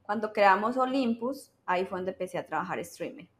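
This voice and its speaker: A woman's voice: medium pitch, a little fast. A young Colombian woman casually recounting her early work experience, animatedly acting out the lines of people in her story. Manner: animated, acts out quoted dialogue. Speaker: webcam model guest.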